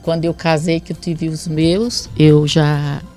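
A woman from Sergipe recalling her teenage years in an interview, plain and thoughtful, slowing on key words. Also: low voice, level tone, mellow. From Sergipe, Brazil. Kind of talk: reminiscing interview answers. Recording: faint music underneath.

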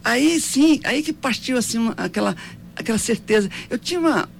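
A woman in her seventies with a Brazilian accent tells her life story in an interview, earnest and devout, often ending with tag questions. Her voice is slightly high, lively and fairly quick, with some creakiness.

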